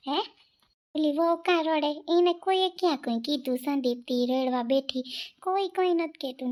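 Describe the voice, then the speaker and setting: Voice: high-pitched, darkish tone, lightly acted. A performer playing a scolding old village mother in a family comedy skit.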